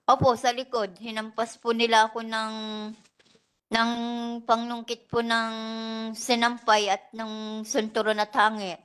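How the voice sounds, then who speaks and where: A woman testifying as a witness at a hearing, answering softly and politely in short replies. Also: a little high, little pitch movement, unhurried, long pauses, clear, resonant tone. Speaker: witness, domestic worker. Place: legislative hearing room.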